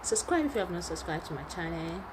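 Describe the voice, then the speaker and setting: A woman's voice: fairly low pitch, very animated, fast talker. A woman hosting a video channel, introducing a clip and urging viewers to share it, pleading and repetitive. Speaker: channel host. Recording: noisy background.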